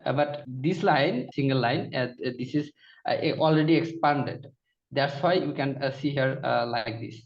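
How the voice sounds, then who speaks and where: Hesitant Bangladeshi man on a gravelly call. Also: medium pitch, a little slow. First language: Bengali. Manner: hesitant, many uhs and repeated yeses. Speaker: freelance graphic designer. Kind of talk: video call with a client. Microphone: video call. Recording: dull lo-fi video call audio.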